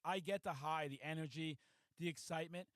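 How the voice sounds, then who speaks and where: Hyper high-voiced man in his forties. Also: brisk, dry recording. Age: 40s. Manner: hyper, loud, profanity-laced ranting. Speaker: podcast host. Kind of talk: casual podcast chat.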